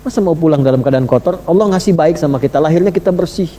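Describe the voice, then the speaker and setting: Preacher with a high voice in a hall. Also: male voice, racing, mellow. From Indonesia. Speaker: Islamic preacher. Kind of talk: sermon. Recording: reverberant hall with faint noise.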